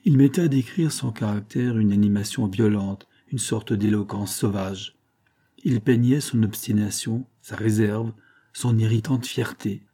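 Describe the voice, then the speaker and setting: A male audiobook narrator reading a nineteenth-century novel in a measured, even manner. His voice sits low and sounds dark and mellow. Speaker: audiobook reader.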